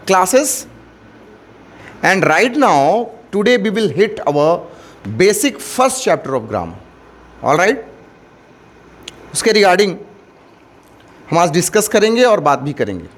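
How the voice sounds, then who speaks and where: An Indian man gives a measured English grammar lecture, pitched high for a man. He takes his time, mixing Hindi and English and echoing each point back to his students. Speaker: English teacher. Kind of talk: classroom lecture.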